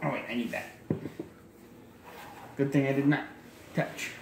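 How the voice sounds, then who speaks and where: In a noisy, echoey kitchen with faint clatter, a young adult vlogger films a casual cooking demo on his phone. His mid-range voice is unhurried with fairly even intonation, and he rambles, corrects himself and chats in asides.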